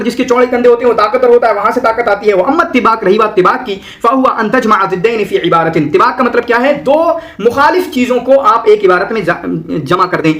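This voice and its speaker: A man's voice: very high voice, fairly bright tone, reverberant. A man teaching a lesson, reading Arabic lines and then explaining them in a conversational way with everyday examples, often adding "है ना". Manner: repeats "है ना" often. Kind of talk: lecture explaining Arabic literary terms.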